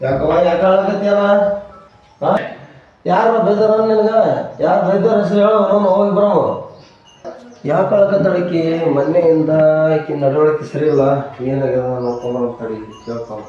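A caring uncle with a North Karnataka Kannada accent, pleading and scolding by turns, played by a man. His voice sits a bit high and lands distant in a very echoey, dull lo-fi recording with faint music. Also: moderate pace, close to an everyday voice. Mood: anxious. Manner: pleading, scolding, then gentle. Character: caring but disappointed middle-aged uncle. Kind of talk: amateur short film acting.

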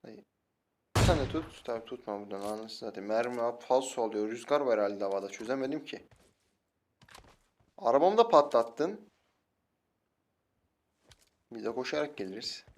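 A young man with a Turkish accent giving casual, excitable gameplay commentary and taunting opponents as he plays. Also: mid-range voice, moderate pace, long pauses. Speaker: mobile game streamer. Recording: noisy with loud gunfire behind.

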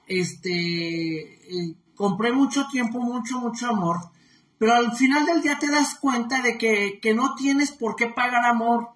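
A bright, forceful woman chats on a live stream, warmly greeting viewers and reading their comments aloud with plenty of filler words. Her voice rings through a roomy, echoey space. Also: fairly high pitch, slight background noise. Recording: roomy echo.

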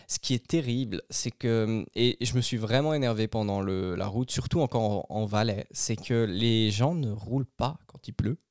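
Swiss French male podcast host, mid-pitched, rambling casual monologue, dry close sound. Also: a little mellow, clear, resonant tone, dry recording. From Switzerland. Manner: rambling, chatty, many restarts and fillers.

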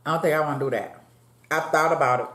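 This late-fifties mukbang host chats casually while she eats, calling her viewers y'all, in a dim room at home. Her voice is deep yet fairly bright, her pace quick, and the fixed camera across the table catches a roomy sound.

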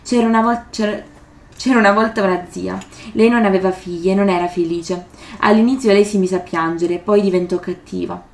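A woman voicing a witch who softens her husky voice to calm a frightened child, read aloud in a roomy room. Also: medium pitch, fairly quick, natural voice. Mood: tender storytelling. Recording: roomy echo.

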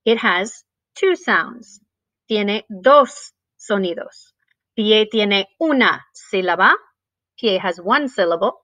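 A woman teaching a bilingual music lesson to young children, switching between English and Spanish and speaking slowly and clearly. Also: mid-range voice, expressive, bright, forceful tone, no room sound. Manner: sings and chants rhythm words.

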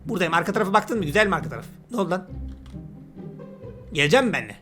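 A man's voice: high-pitched, very animated, racing, over music. A man giving casual let's-play commentary, chatty and teasing, talking to the game's characters as he plays. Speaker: gameplay commentator.

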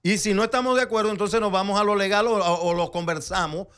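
A Dominican man in his fifties holds the floor as a talk-show co-host. His voice sits a little high, and he tells stories with animation, acting out the people he quotes. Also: fast, clear, resonant tone. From Dominican Republic. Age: 50s. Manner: animated storyteller, acts out quoted people, laughs often. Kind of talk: casual comedic talk-show banter.

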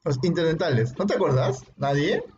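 A male teacher with a high voice walks his students through phonetics, sounding out each consonant slowly and checking in with a quick question after nearly every phrase. He praises his students warmly when they answer. The recording is muffled and lo-fi, with a faint hiss and occasional clicks underneath. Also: animated. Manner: explains patiently and often ends phrases with "¿no?"; demonstrates sounds by repeating them slowly. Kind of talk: classroom lecture.

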